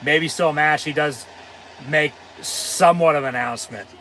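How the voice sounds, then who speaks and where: A man's voice: on the high side, normal speed, sharp tone, a little hiss or hum. An American man hosting a live watch-along, commenting casually and sarcastically, with some swearing. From United States.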